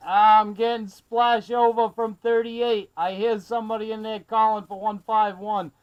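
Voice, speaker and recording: A South Carolina man chats casually over CB radio skip, friendly and full of call numbers and radio jargon. His voice is high-pitched, clean, and unhurried with a flat delivery, heard through a muffled, band-limited CB recording.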